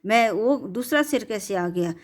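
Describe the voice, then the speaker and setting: A boastful male lion king from a bedtime storybook, bossy and loud in his demands, as a woman storyteller puts him on. He calls out in a raised, higher voice. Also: expressive, measured pace, lightly acted.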